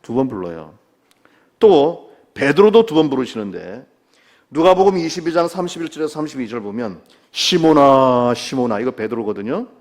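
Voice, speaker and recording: A middle-aged male pastor preaching a sermon, asking the listeners questions and answering them himself, dropping low to quote scripture. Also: big pitch swings, darkish tone. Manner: drops low and slow to quote scripture, rises when stressing a point.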